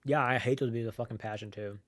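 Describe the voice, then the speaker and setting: A male streamer talks into a desk microphone in a loose, rambling way, swearing freely and padding his sentences with "like." He chews and munches on snacks between words, and his voice sits at a middle pitch. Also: steady tone, quick pace. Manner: rambling, profane, full of "like" and restarts; chews and munches while talking. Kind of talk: casual live-stream chat.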